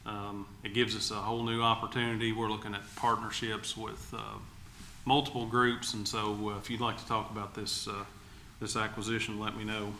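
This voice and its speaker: Speaking in an echoey public meeting room with a little background noise, an agency commissioner delivers his remarks with enthusiasm. His voice is on the low side, flat in delivery, moderately paced and sharp.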